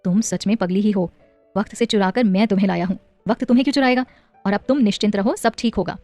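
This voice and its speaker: A loving husband and father in an audio story, soothing and protective, as a woman narrator voices him. He speaks at a middle pitch in a dry, close setting with faint music underneath. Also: quick pace, darkish tone, no echo, lightly acted. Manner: soothing then urgent. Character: adult man, worried loving husband and father.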